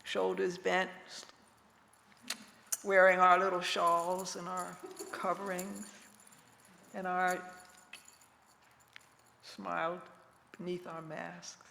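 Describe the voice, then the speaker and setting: A woman in her seventies gives a poetic reflection to a congregation, speaking in a calm, gentle, wise way with deliberate pauses. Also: lowish voice, creaky, slight background noise. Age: 70s. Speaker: retired minister, guest speaker. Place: large reverberant indoor room, speaking to a congregation. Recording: echoey hall with long reverb.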